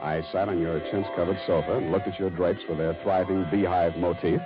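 An American actor playing a wry, cocky, mock-pompous private detective in a 1940s radio drama. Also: male voice, low voice, steady tone, a little fast, music in the background, natural voice. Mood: wry narrating. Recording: dull vintage radio recording.

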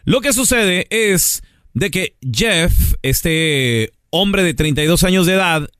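A man's voice: high voice, expressive, slow, fairly bright tone, clear, resonant tone, no echo, clean studio sound. A man with a Mexican accent hosting a comedy radio show, telling a story in a playful, slangy way.

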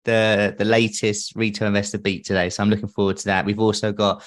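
A man's voice: fairly low pitch, little pitch movement, a little fast. A man hosting a financial podcast in a conversational way. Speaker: podcast host.

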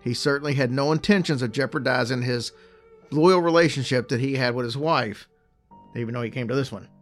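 A man's voice: medium pitch, brisk, faint music behind. A man co-hosting a podcast, casually telling a ghost story with chatty, joking asides. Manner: chatty, laid-back, jokey asides.

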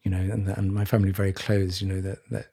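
A man co-hosting a podcast, talking reflectively in a halting, searching way with many restarts. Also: low-pitched, level tone, vocal fry, mellow, breathy edge. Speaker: podcast co-host. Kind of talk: reflective conversation.

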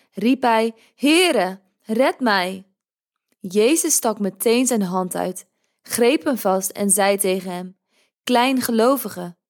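Woman calmly reading a devotional. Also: mid-range voice. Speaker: podcast host reading a devotional. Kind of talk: calm scripted devotional reading.

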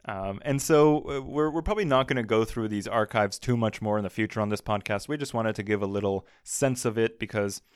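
A man's voice: lowish voice, a little fast, hardly any pauses, smooth, no echo. A man co-hosting a podcast, chatting casually with a dry, wry manner and reading old archive clips aloud. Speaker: podcast co-host.

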